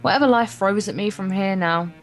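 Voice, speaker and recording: Guest co-player in an informal let's play, this woman has a brisk, medium-pitched voice as she reads the visual novel's narration aloud, sometimes tripping over words. Guitar music from the game runs underneath.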